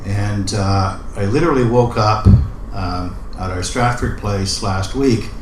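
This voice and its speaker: A man speaks as an open mic poet, with slow, deliberate phrasing and a medium-pitched voice. The sound is roomy, with some faint noise behind him. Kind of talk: spoken introduction and dramatic poetry recital. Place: indoor open mic event room. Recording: roomy live recording with background noise.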